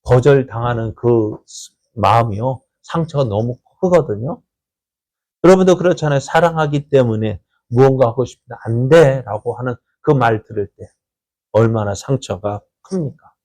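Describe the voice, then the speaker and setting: A man's voice: mid-range voice, normal speed, darkish tone. A male pastor preaching a conversational sermon, telling a story and constantly asking the congregation rhetorical questions.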